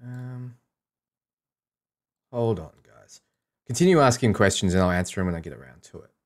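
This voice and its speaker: An Australian man hosts a livestream, chatting informally and thinking aloud as he goes. He has a lowish, animated voice and keeps a moderate pace.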